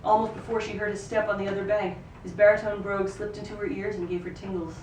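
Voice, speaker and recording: An actor, a woman with a medium-pitched voice, reads a literary fiction excerpt quickly and expressively in third-person narration. It's a live reading in a roomy venue, captured by a distant microphone amid noisy ambience.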